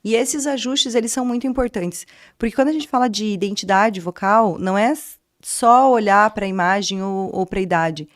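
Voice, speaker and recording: A woman's voice: mid-range voice, moderate pace, no room sound. A woman with a mid-range voice, a speech therapist from Brazil, speaks as a podcast guest. She explains like a teacher and often poses a question before she answers it. The sound is dry and close. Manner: didactic, asks and answers her own questions. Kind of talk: conversational interview.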